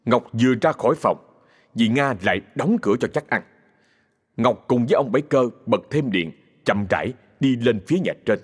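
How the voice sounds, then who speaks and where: A man's voice: medium pitch, animated, normal speed, slightly rough. A man narrating a ghost story with dramatic storytelling.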